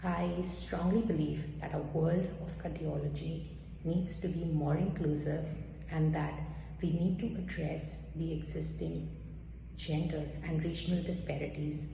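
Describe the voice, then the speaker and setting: Low gravelly woman in an echoey room. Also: steady tone, unhurried, warm tone, a little hiss or hum. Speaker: cardiology trainee. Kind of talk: self-introduction.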